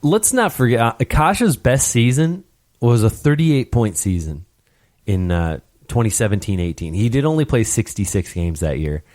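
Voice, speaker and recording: Lively young man hosting a hockey chat. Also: medium pitch, moderate pace, no room sound, studio quality. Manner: animated storyteller, mimics people in anecdotes. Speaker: podcast host.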